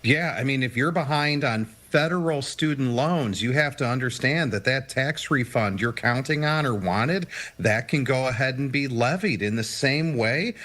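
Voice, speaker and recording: A man's voice: medium pitch, normal speed, hardly any pauses, a bit bright. A man giving emphatic, upbeat financial advice as a guest in a TV news interview. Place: TV studio or remote video link.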